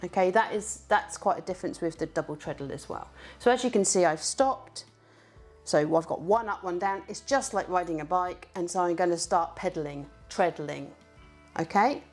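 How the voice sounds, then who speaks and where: A woman's voice: on the low side, normal speed, a little mellow, faint music behind. A woman teaching a beginner how to treadle a spinning wheel, in a chatty, encouraging way, counting out the rhythm as she demonstrates.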